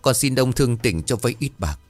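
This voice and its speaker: A man's voice: mid-range voice, expressive, brisk, no echo, faint music behind, voice pushed up, close to an everyday voice. A man voicing a frail poor village woman who speaks timidly and humbly, her voice raised. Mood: humble.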